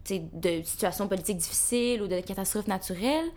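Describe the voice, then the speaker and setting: A woman's voice: mid-range voice, fast, darkish tone. Emphatic woman. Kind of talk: casual panel chat.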